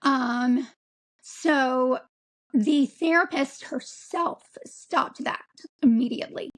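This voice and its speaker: A woman of forty, an interview guest, telling her own story in a halting way with frequent ums and restarts. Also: sits high, rough recording. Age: 40s. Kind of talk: candid personal account.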